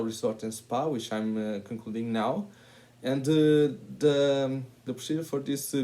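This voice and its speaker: A Portuguese man in his twenties, a master's student in hospitality, presents to the camera in a Portuguese accent. His mid-range voice has a warm tone, and the delivery is hesitant and packed with filler sounds.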